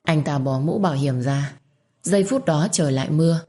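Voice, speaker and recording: A woman reads a first-person story aloud with a calm, reflective delivery. Her voice is notably low for a woman. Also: fairly quick.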